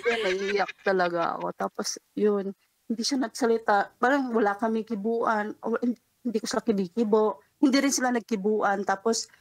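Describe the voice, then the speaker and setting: A woman's voice: a little high, expressive, normal speed, creaky, a little hiss or hum, rough recording. A woman calling in to a late-night radio show, telling a personal story in a rambling way, acting out the dialogue and breaking into nervous laughs. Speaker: caller.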